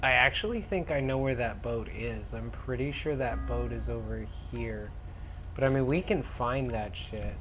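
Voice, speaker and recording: Casting: young male let's-player, mid-range pitch, loose slangy chatter with swearing, clear background noise. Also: normal speed, fairly bright tone. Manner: slangy, profane, rambling. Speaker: gaming commentator. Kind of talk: casual let's play commentary. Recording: clearly noisy, game engine sounds behind.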